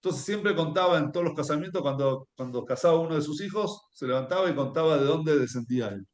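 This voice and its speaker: A man with an Argentine accent giving a spoken Torah lesson with stories, in a halting way with many restarts, often checking with his listeners. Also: on the high side. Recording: echoey room.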